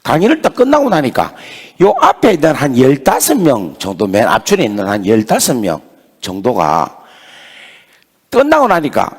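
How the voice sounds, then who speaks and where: A man's voice: medium pitch, wildly swooping pitch, moderate pace, slightly rough. A male pastor with a Gyeongsang Korean accent preaching at a revival meeting, telling a story with emphatic, acted-out dialogue. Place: church revival meeting hall. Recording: reverberant hall sound.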